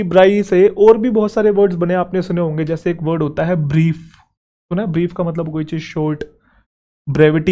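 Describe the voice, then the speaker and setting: A man teaching English grammar for exam preparation, explaining step by step and checking in with quick rhetorical questions. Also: fairly high pitch, mellow. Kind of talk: Hindi exam-prep lecture.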